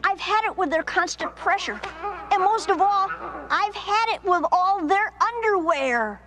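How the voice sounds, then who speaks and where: A woman's voice: very high voice, expressive, unhurried. A woman voicing N.J., a restless, rebellious young cartoon boy with a dramatic, complaining manner. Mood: fed up. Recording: music under the voices.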